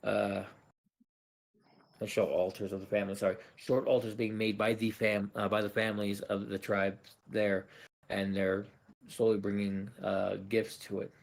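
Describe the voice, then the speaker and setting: A man narrating a tabletop role-play as game master, halting with many fillers and restarts. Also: lowish voice, level tone, gravelly.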